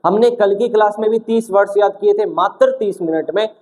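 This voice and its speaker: Man, high pitch, mellow tone, exam vocabulary teacher, asks and answers own questions. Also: brisk, low-quality recording. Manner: asks questions and answers them himself, call-and-response; acts out little stories with shouted quotes. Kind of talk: energetic classroom-style video lesson.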